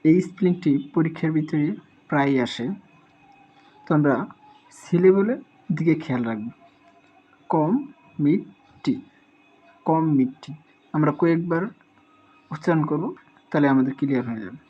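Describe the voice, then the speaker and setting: During a spelling lesson, a teacher speaks in a mid-range voice at a moderate pace, leaving long pauses. Each word is broken into syllables and repeated several times. The sound quality is dull and lo-fi.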